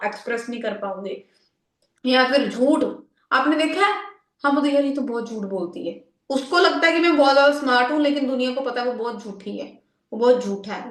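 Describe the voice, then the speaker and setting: A woman with a fairly high voice leads a live spiritual healing session, chatting easily and slipping English words into her talk. She keeps checking in with her listeners and briefly acts out the people she quotes. The room around her sounds noticeably echoey. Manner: conversational, mixes in English words; frequent "theek hai ji" check-ins.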